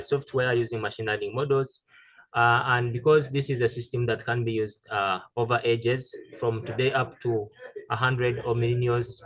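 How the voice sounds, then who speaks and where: A man giving a halting technical presentation over a video call, with many fillers and restarts. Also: mid-range voice, fairly bright tone. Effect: heard over a video call. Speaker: presenter pitching a solar tool.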